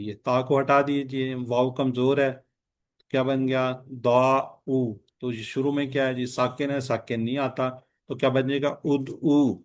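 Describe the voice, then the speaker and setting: A man's voice: medium pitch, darkish tone. A man teaching an online class, patiently quizzing his students with repeated questions over a video call. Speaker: Quran and Arabic grammar teacher.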